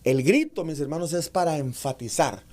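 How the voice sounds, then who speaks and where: A man giving an online class on public speaking to preachers, calling them brothers, reading comments and demonstrating raised and lowered voice. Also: lively intonation, normal speed. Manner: addresses listeners as brothers, reads out chat comments; demonstrates shouting and lowering his voice. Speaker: preaching instructor.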